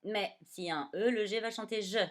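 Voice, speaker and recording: A woman teaching a dictation lesson to young children, sounding out words syllable by syllable. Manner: slow, syllable-by-syllable spelling with lively pitch. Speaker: primary school teacher.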